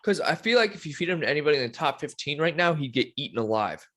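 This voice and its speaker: A man co-hosting a fight podcast in casual chat, reacting with excited emphasis. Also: on the high side, quick pace. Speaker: podcast co-host.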